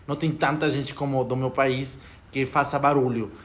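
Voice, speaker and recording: A young Ecuadorian man vlogs casually to camera in Portuguese with a Spanish-speaking Ecuadorian accent, rambling and opinionated. His voice is medium-pitched with little pitch movement, at normal speed.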